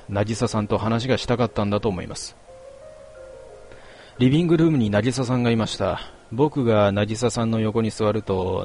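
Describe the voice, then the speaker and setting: A man reading a first-person story aloud in a measured, quiet and melancholy way. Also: lowish voice. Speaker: narrator.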